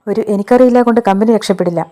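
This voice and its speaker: A woman's voice: mid-range voice, fast talker, mellow, lightly acted. A woman voicing a stern 32-year-old male company boss who speaks in curt, clipped commands.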